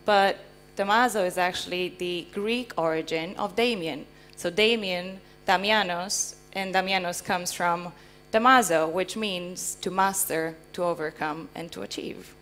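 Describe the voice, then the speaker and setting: A company founder from Transylvania, Romania, speaks as an invited guest on a live conference panel before an audience, sharing explanatory anecdotes in a panel interview. Her voice is low-pitched and fairly bright, and her pace is unhurried. Soft music plays in the background.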